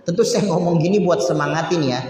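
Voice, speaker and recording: Male preacher, higher voice, chatty sermon with emphatic peaks, big reverberant mosque hall. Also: moderate pace, darkish tone, slight background noise. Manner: conversational, addresses listeners as Pak, rising to emphatic peaks.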